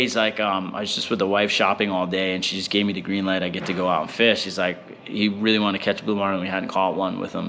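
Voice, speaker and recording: Low-voiced man telling a fishing story. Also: gravelly. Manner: animated, rambling, many fillers. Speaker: fishing boat captain. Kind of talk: casual storytelling.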